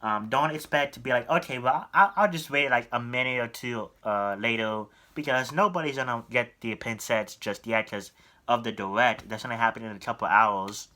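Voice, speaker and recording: A man's voice: mid-range voice, moderate pace, pushed and bright. A young man giving earnest, rambling advice in a casual vlog, with frequent ums and self-corrections. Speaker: YouTuber giving collector advice. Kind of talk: casual talking-head vlog.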